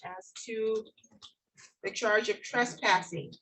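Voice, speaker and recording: A woman's voice: mid-range voice, slow pace, fairly bright tone, slight background noise, poor audio. A woman speaking as a judge in a courtroom, putting formal questions and explaining procedure step by step.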